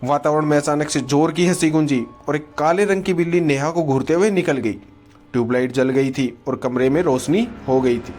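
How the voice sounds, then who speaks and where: A man's voice: on the high side, normal speed. Male horror storyteller over faint music. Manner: steady storytelling. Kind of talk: scripted horror narration.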